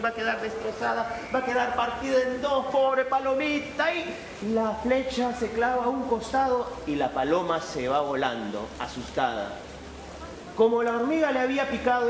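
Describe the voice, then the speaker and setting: A man, a storyteller telling a fable live to an audience in an animated, expressive way. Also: very high voice, reverberant, a little hiss or hum, poor audio. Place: event hall at a book fair.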